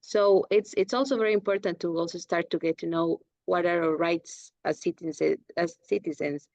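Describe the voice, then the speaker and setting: A young woman joins a discussion over a video call. She gropes for her words with restarts. Her voice is low, and it sounds dull and dry. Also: fairly even intonation, moderate pace, a little mellow, dry recording. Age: young adult. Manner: searching for words, restarts, fillers. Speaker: webinar participant.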